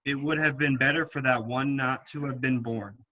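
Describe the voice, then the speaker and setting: A man reading the part of Jesus in a church reading, speaking in a measured, solemn way. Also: medium pitch, steady tone, bright, forceful tone, dull audio. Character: Jesus, calm grave male teacher. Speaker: reader.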